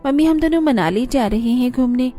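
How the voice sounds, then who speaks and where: A man doing a high young woman's voice. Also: a little fast, mellow, soft background music. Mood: pleading. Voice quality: high put-on falsetto. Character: young women: daughter-in-law, sister, scheming neighbor. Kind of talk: cartoon voice acting.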